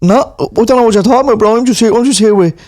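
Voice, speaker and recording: A man's voice: sits high, racing, a little mellow, voice pushed up, close to an everyday voice. A man playing a brash young male party lad who bluffs and stammers through slangy banter. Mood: defensive.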